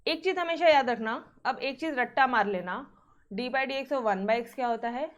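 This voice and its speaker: A woman's voice: high-pitched, normal speed. A woman teaching a maths class, mixing Hindi with terms, often checking in with her students and sternly reminding them to practise. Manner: mixes Hindi with English terms.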